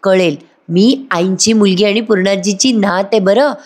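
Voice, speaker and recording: A woman's voice: mid-range voice, measured pace, darkish tone, lightly acted. Anxious young woman, pleading tone, played by the female narrator. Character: anxious young woman, worried about family.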